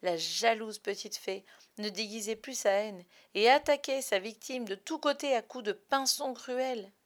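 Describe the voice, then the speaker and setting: A woman reading a children's story aloud in an expressive, dramatic storytelling manner. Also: fairly high pitch, a little slow. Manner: lively, dramatic reading with varied loudness.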